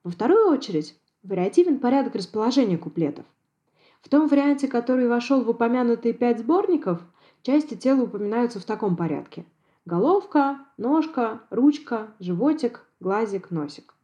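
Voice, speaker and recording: A woman, a Yiddish language expert, giving a precise, measured scripted lecture on dialects. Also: a little high, animated, warm tone, highs cut off. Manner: measured, precise academic delivery.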